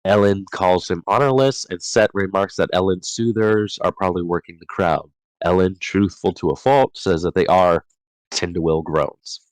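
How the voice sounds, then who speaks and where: A man's voice: low voice, steady tone, normal speed, clear, resonant tone, dry recording, poor audio. A man hosting a casual book discussion, reading chapter summaries from his notes and often stumbling and correcting himself.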